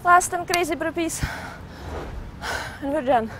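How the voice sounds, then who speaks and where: A woman's voice: extremely high pitch, unhurried, very noisy. A fitness instructor, a woman, leading a home workout out of breath, counting reps and urging viewers on.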